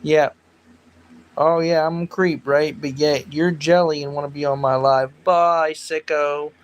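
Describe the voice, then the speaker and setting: A man's voice: fairly high pitch, fairly even intonation, moderate pace, highs cut off, slight background noise. A man chatting casually on his livestream, rambling through stories and snapping back at trolls in the chat.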